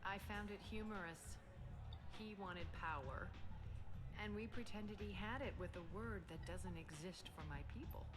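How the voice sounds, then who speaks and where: An actress playing a centuries-old alien crime queen in a video game, poised, deliberate and condescending, with cool menace. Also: medium pitch, natural voice. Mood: cool, wry. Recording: loud music behind.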